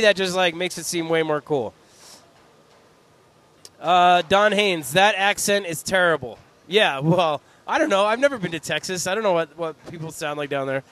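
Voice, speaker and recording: A young man hosting a live stream, reading out viewer comments in a casual, jokey way. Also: fairly bright tone. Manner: casual, jokey, high-pitched.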